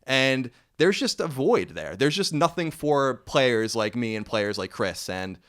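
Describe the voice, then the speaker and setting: A man's voice: mid-range voice, sing-song, unhurried, a bit bright, clean tone. A man in his thirties hosting a casual podcast, rambling and correcting himself with wry asides. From United States. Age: 30s. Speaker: podcast host.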